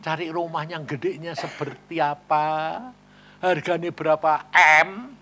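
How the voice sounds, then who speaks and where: A man preaching a sermon, telling stories and acting out conversations, swinging from quiet asides to loud emphasis. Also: a little high, a little slow. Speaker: pastor.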